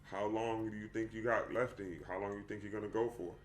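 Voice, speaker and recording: Young man, low voice, casual host, slangy, echoey room. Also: fairly even intonation, fast, slight background noise. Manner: laid-back, slangy, says "man" and "bro" a lot. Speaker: podcast host. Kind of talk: casual interview chat.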